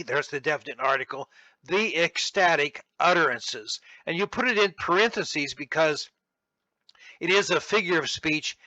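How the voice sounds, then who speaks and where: A man teaching a Bible lesson over slides, walking through a sentence diagram deliberately and often restarting his phrases. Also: fairly high pitch, bright, forceful tone, dry recording, rough recording. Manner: deliberate, with frequent restarts and fillers.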